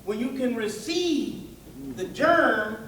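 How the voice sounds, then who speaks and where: Speaking slowly in a very high-pitched voice, a man delivers a lively, homespun religious address to a live crowd that answers his calls. He peppers it with rhetorical questions and everyday asides, and a distant microphone catches the echo of the hall.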